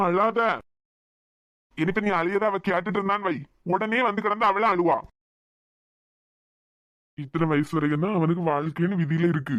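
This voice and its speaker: A man's voice: sits high, fairly bright tone, no echo, clean studio sound. A man with a Kanyakumari Tamil accent voicing an earnest younger brother in a cartoon web series, reassuring his grieving sibling. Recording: dull lo-fi sound.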